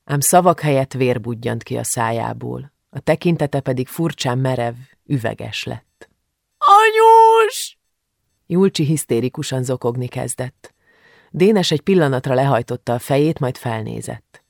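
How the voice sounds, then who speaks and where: A man reading an audiobook in a grave, measured way, close on a studio mic. His voice has a gravelly fry to it. The sound is dry, with no room echo. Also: mid-range voice, darkish tone. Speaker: audiobook narrator. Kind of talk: audiobook narration.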